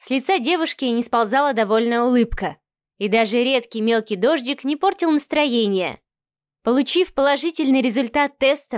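Female audiobook narrator, lively storyteller, higher voice, dry booth sound. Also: dry recording.

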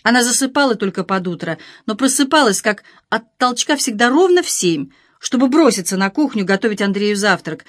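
A woman's voice: fairly high pitch, animated, brisk, hardly any pauses, no room sound. Woman reading an audiobook, dry sound. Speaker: audiobook narrator. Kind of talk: scripted audiobook narration.

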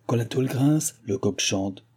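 A man's voice: mid-range voice, measured pace, darkish tone, slightly rough. A man voicing a crafty, sardonic viscount eager to meddle. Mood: scheming. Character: crafty vengeful viscount brother.

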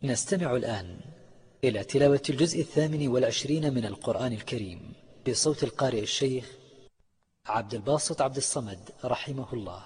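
A man's voice: mid-range voice, quick pace, a little mellow, big-room sound, a little hiss or hum. A man making a formal scripted announcement in Standard Arabic, introducing a recitation.

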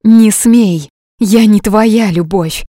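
A grieving, stubborn young witch pleads and defies in a raised voice, as a woman narrator puts her on. The voice is fairly low for a woman, and it is recorded close and dry. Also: measured pace, mellow, no room sound. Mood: defiant.

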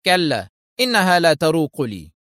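A man's voice: a little high, expressive, moderate pace, fairly bright tone, dry recording, clean studio sound, pitched above the performer's own voice. A man voicing a scheming office manager who is polite on the surface and turns sneering. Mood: irritated. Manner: smooth and courteous, then sneering. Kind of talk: audiobook character voice.

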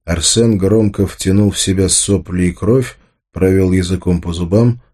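A man with a low voice reads an audiobook. His narration is steady and measured.

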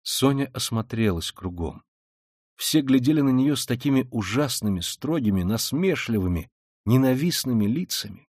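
A man narrating a literary audiobook with an expressive, dramatic delivery. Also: mid-range voice, normal speed, no echo, studio quality. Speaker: audiobook reader.

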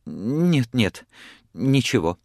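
A man's voice: medium pitch, sing-song, very slow, vocal fry, darkish tone, no room sound, studio quality, exaggerated voice. A man reading aloud voices a poor middle-aged mother who pleads in a tearful, raised voice. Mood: pleading.

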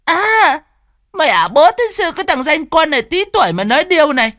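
A man voicing a cruel young stepmother who screeches abuse in a shrill voice. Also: moderate pace, fairly bright tone, clean tone, no room sound, clean studio sound, close to an everyday voice. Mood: shrieking, furious.

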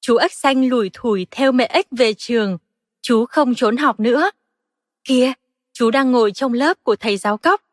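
A woman narrating a children's audiobook in a slow, gentle and expressive manner. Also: a little high, no room sound, clean studio sound, big-room sound.

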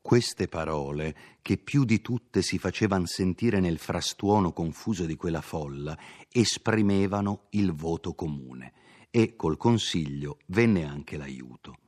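A man reading a classic novel aloud in a measured, expressive storytelling manner. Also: deep voice. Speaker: audiobook narrator. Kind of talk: literary audiobook reading.

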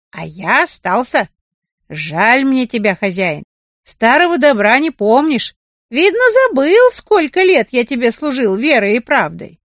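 A shrill, squawking rooster, as a woman reading the story puts him on, indignant and full of himself. The voice leaps far above the reader's normal pitch and comes out loud and piercing. It is recorded dry and close in a storybook reading. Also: no room sound. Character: boastful, panicky old male rooster.

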